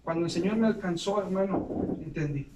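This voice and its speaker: A man's voice: high voice, fairly quick, noisy background. A man preaching a sermon as pastor, fervent and often calling his listeners "brother". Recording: echoey room from a distance, faint ambience.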